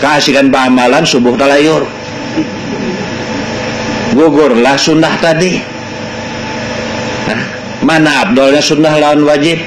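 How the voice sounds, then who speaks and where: A man's voice: fairly high pitch, fairly even intonation, takes it slowly, pauses often, echoey room, noisy background. A man with a Banjar accent giving a Sufi study lesson, mixing Arabic quotations with local dialect and firing rhetorical questions at listeners, heard from an old worn tape recording. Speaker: religious teacher.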